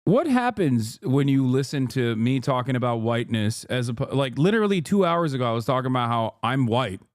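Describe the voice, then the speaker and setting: A man's voice: medium pitch, sing-song, fairly quick, no room sound, clean studio sound. A man from Turkey streaming live, reading and answering his chat in blunt casual talk that swears freely.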